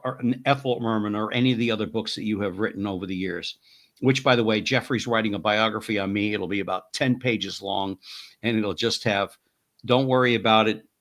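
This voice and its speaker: A man's voice: fairly low pitch, a bit bright. A man hosting a podcast interview, asking long, rambling questions with many restarts. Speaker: podcast host. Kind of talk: casual interview chat.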